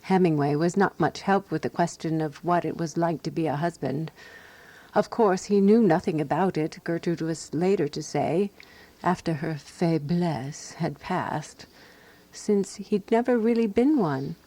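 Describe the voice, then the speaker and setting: An actress voices a devoted yet exasperated female companion who narrates a radio drama murder mystery. Her lowish, warm voice delivers the narration in a measured, wry and reflective way.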